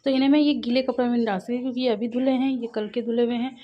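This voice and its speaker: A woman's voice: fairly high pitch, steady tone, rapid-fire. A woman recording a chatty voice-over for her home cooking vlog. She has a sore throat and a cough, laughs often, and drifts into side stories. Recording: dull lo-fi voice-over.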